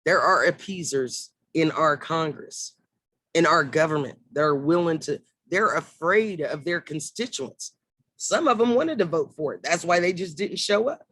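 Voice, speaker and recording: A fired-up man holds forth on politics in a heated monologue, swearing freely and slipping into quick voices for the people he quotes. His voice sits fairly high for a man. The sound is dry and close, with no room around it. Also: dry recording. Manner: heated, swears, acts out quotes in lively asides. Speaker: political commentator.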